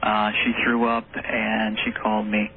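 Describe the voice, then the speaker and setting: Even-toned male caller on tinny phone. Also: lowish voice, measured pace. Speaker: caller to radio show. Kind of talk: recounting personal story on air. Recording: tinny, noisy telephone line.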